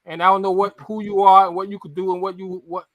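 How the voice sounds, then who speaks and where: A man's voice: high-pitched, flat delivery, fast talker, dry recording. A middle-aged man with a New York accent arguing casually on a live chat, defensive and rambling, repeating phrases.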